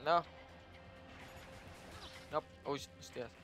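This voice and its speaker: A man giving excitable, jokey let's play commentary, swearing freely. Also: fairly high pitch, very slow, music in the background. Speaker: streamer.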